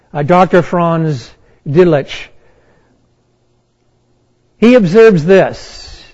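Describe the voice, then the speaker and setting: A man with a fairly high voice preaches slowly and deliberately, leaning on each phrase with emphatic pauses. The recording is a little dull and lo-fi. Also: darkish tone. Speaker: pastor. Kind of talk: sermon.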